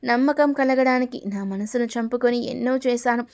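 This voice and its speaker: A woman's voice: on the high side, normal speed, close to an everyday voice. A woman voicing a scheming, villainous middle-aged stepmother who pleads and justifies herself in a storybook reading. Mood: pleading.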